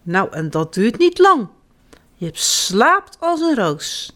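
A woman reading children's stories aloud in an expressive, sing-song way as storyteller. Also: fairly high pitch, slow.

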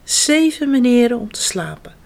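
A woman storyteller reading children's stories aloud, slow and expressive. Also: a little high, gravelly.

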